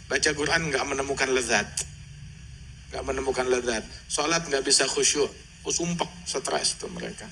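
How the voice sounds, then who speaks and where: Bright-voiced man preaching with twang. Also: a little high, a little hiss or hum, rough recording. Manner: conversational, teasing, rhetorical questions. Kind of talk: religious lecture.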